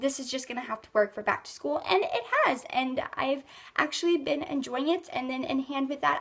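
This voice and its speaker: Chatty high-voiced teen girl vlogger. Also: vocal fry, bright, forceful tone. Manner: chatty, lots of ums and likes. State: sick, voice a bit rough. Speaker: beauty vlogger. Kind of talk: casual rambling product review.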